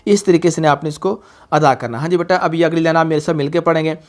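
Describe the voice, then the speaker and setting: A man's voice: fairly high pitch, fairly even intonation, quick pace. A man teaching Quran recitation, patiently calling the student "son" and stretching out each syllable in repeat-after-me drills. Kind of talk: tajweed lesson with call-and-repeat drills.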